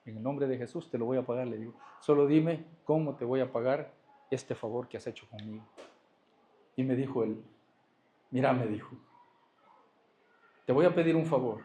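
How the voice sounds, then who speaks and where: A man's voice: medium pitch, normal speed, long pauses, mellow. A man giving a church testimony, telling his story and acting out both sides of a conversation. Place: church hall. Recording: echoey church hall.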